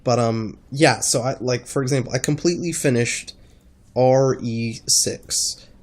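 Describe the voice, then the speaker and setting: A man with a congested, stuffy-nosed voice talking casually in a rambling gaming vlog, halting as he thinks. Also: mid-range voice. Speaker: gaming video creator.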